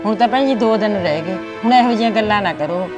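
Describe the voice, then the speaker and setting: A woman's voice: mid-range voice, fast, music in the background, close to an everyday voice. A woman playing a pleading bride's mother. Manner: pleading, anxious.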